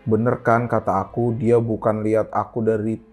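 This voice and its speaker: A man casually reading a listener's horror story aloud in a lively, slangy way. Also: fairly low pitch, normal speed, faint music behind.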